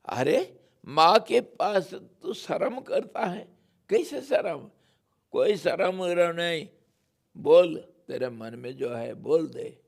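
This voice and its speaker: A man's voice: medium pitch, lively intonation, unhurried, creaky, hardly any pauses, breathy edge, exaggerated voice. A man voicing the mother Yashoda in a told story, coaxing her son and scolding him in a raised voice. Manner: coaxing, then loud scolding.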